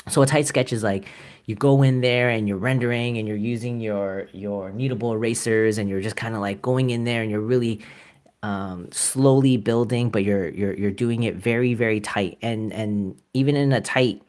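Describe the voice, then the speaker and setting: A man's voice: fairly low pitch, moderate pace, darkish tone. A Canadian man chatting casually to viewers as he paints live, rambling with many fillers and chuckles. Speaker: artist streaming live. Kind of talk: casual live-stream chat while painting.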